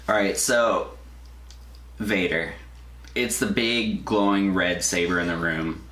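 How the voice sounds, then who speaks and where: Male co-host, lowish voice, casual and emphatic, recorded in a roomy space with clear noise. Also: steady tone, takes it slowly, a bit bright. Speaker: co-host of a review show. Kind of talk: casual group review chat. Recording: echoey room with noticeable noise.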